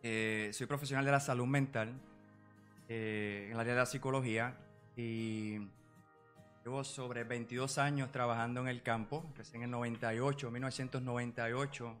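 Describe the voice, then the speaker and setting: A Puerto Rican man in his forties, a psychology professional, speaking as a podcast guest in a measured way with many filler pauses. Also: medium pitch, steady tone, a bit bright, soft background music. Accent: Puerto Rican Spanish. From Puerto Rico. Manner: measured, full of filler "eh" and "¿verdad?" tags. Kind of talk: podcast interview.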